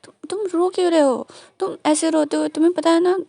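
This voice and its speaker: Calm, protective older brother in a storybook reading, as a woman puts him on; reassuring, gravelly high voice. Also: a little fast, no echo. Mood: soothing. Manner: soothing, reassuring.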